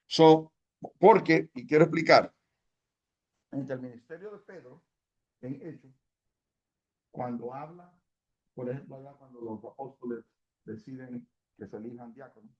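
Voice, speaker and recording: A man's voice: mid-range voice, measured pace, pauses often, darkish tone, lo-fi sound. A man from El Salvador teaching a Sunday school class at church, speaking conversationally and often checking in with his listeners. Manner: mixes in English words.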